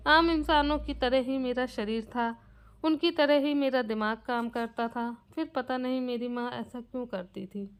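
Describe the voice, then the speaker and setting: A woman's voice: a little high, smooth. A woman narrating a story in the first person, in an earnest, plain way, sometimes correcting herself as she reads. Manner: earnest and plainly paced, with small self-corrections.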